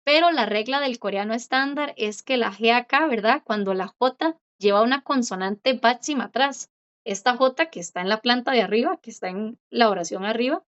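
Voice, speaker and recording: Lady teaching korean, patient, slowish, kinda muffled audio. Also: on the high side. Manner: patient, repeats words slowly, checks with "¿verdad?". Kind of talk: online class explanation. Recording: dull lo-fi audio.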